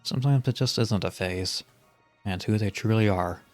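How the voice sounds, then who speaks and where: A man's voice: on the low side, moderate pace, a little mellow, faint music behind. A man giving casual, wry gameplay commentary as a video game streamer.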